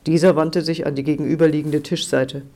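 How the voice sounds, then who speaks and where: A man reads a novel aloud in a steady narrating voice that sits a little high for a man. He gives the characters' lines with only small shifts of his voice. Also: fairly quick. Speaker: audiobook narrator.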